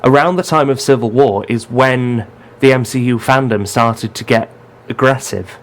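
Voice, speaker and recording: A man holding forth on a casual film podcast. His pitch sits in an ordinary middle range, and he argues his points in quick, confident bursts. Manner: opinionated, fast bursts of argument. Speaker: podcast host. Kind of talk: casual chat.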